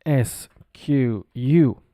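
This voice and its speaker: A man's voice: medium pitch, drawn-out words, dark tone, no room sound, clean studio sound. A man teaching English pronunciation on a live stream, spelling words out letter by letter and chatting casually as he goes.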